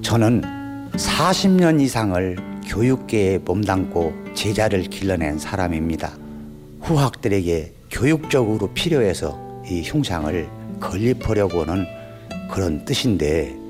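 Older educator interviewee: man in his sixties, deep voice, unscripted talk. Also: big pitch swings, measured pace, over music. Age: 60s.

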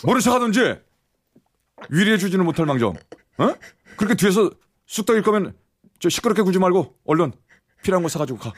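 A man's voice: sits high, very animated, fast talker, pauses often. An actor playing a flustered young male shop clerk who stammers, in a radio drama. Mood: indignant.

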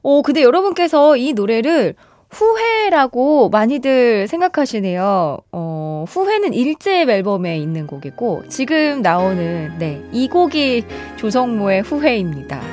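A woman radio DJ chatting and reading listener messages, animated and laughing often, on a close studio mic. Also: fairly high pitch, measured pace, soft background music.

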